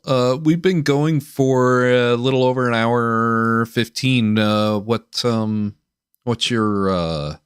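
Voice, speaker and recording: A man hosting a casual chat on a video call, halting, with many restarts and fillers. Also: mid-range voice, clear, resonant tone, no room sound, clean studio sound. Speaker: host.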